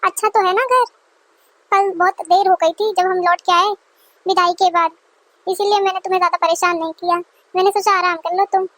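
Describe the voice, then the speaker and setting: A woman voicing a nagging, quick-tempered middle-aged mother-in-law who scolds sarcastically, in a dry close recording. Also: very high-pitched, steady tone, fairly bright tone, dry recording. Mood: sweet.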